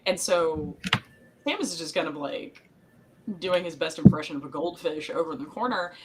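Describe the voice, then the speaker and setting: A woman's voice: deep voice, animated, moderate pace, background noise. A woman co-hosting a podcast, recapping an episode in a chatty, meandering way with frequent laughs. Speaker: podcast co-host. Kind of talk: casual chat recapping a TV episode.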